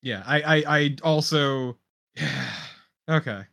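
A man's voice: fairly high pitch, animated, takes it slowly, pushed and bright. A man playing in a tabletop game, blunt and joking, swearing casually. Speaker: player.

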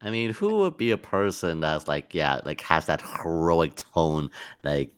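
A man's voice: extremely low pitch, lively intonation, measured pace, clean tone. A man co-hosting a podcast in casual chat, a bit hesitant as he builds up to his opinions. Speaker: podcast co-host.

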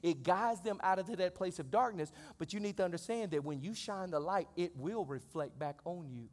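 High-voiced man preaching in a reverberant hall. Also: normal speed. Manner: conversational preaching that swells into loud, high-pitched exclamations. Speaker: pastor. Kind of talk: sermon. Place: church sanctuary.

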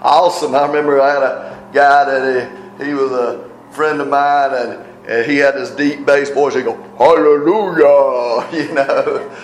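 Male preacher, mid-pitched voice, casual sermon delivery in a reverberant room. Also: flat delivery, moderate pace, a little hiss or hum. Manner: conversational, rhetorical questions, frequent "right?". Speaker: pastor.

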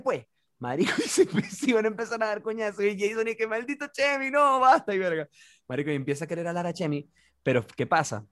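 Fast-talking Venezuelan young man. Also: mid-range voice, no echo, studio quality. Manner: rapid, slangy, acts out quoted voices. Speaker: podcast host. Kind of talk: casual storytelling.

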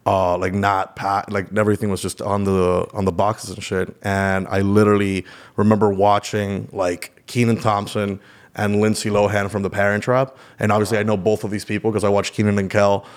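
Laid-back low-voiced young man. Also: level tone, normal speed. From Mexico. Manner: laid-back, storytelling, lots of fillers. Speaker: guest comedian. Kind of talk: casual podcast chat.

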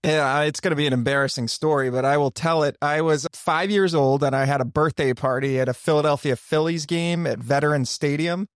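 A man's voice: a little high, fairly even intonation, brisk, few pauses, no echo, studio quality. A man on a podcast panel telling stories in a self-deprecating, easy manner. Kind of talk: casual podcast chat.

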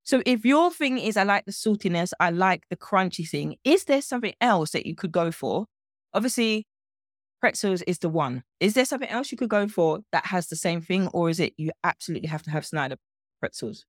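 A woman guest who works as a nutrition coach, talking in a playful, animated way and often repeating words. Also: lowish voice, fairly quick, no room sound, clean studio sound. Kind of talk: casual interview chat.

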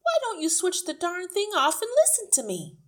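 A woman's voice: a little high, very animated, moderate pace, a little mellow, husky, pitched above the performer's own voice, exaggerated voice. A woman voicing a slim, polite but resolute woman schoolteacher in a storybook, speaking earnestly and firmly. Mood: indignant, firm. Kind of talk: acted audiobook dialogue.

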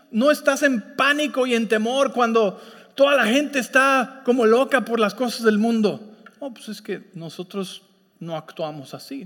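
High-voiced pastor in a reverberant hall. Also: male voice, a bit bright. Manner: conversational storytelling with frequent check-ins. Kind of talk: sermon. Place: church sanctuary. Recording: long reverb of a large hall.

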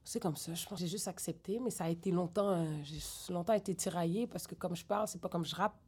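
Woman rapper, raised in Senegal, French accent with Québécois traces, chatty and animated interview guest. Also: on the low side, fast talker, slightly rough. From grew up in Senegal. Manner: animated, digressive, many fillers. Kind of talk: candid interview conversation.

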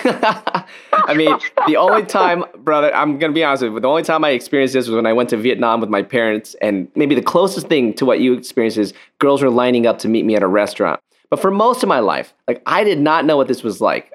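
A middle-aged man hosting an evangelical radio interview, chatty and enthusiastic, often cutting in with "wow". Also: mid-range voice. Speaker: radio show host, evangelist.

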